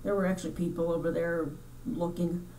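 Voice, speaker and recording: A congested woman hosts her crochet channel in a chatty, rambling style, often stopping to correct herself. Her voice sits on the low side. She sounds set back from the mic, with a faint hiss underneath. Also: flat delivery, brisk, mellow, distant mic, poor audio. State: congested from sinus trouble. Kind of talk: casual chat over store footage.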